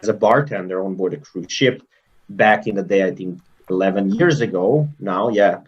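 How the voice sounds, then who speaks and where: A man from Serbia speaks English with a Serbian accent, his voice sitting a bit low. He tells his story in a loose, reflective way that turns animated in places. The audio is dull and lo-fi, like a remote call. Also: moderate pace, slightly rough. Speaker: guest. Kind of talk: conversational interview storytelling.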